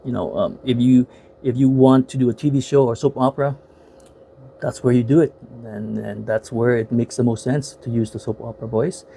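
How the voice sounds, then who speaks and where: Guy rambling through a movie review, lots of uhs, gravelly warm voice, kinda frank about it. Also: mid-range voice, steady tone, a little fast, slight background noise. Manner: rambling, full of uhs and self-corrections; frank, opinionated. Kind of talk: casual spoken movie review.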